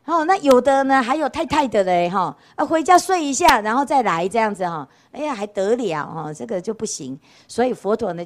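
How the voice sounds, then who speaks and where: A woman, a Buddhist nun giving a casual storytelling dharma talk and often asking her listeners "right?". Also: mid-range voice. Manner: chatty, keeps asking rhetorical "right?" questions. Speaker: Buddhist nun lecturing on scripture. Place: temple lecture hall.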